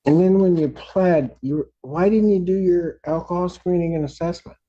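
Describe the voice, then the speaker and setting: A man's voice: high-pitched, normal speed, dull audio. A man presiding as a judge, speaking sternly and scolding from the bench, heard through a played-back courtroom recording. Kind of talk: presiding over a court hearing.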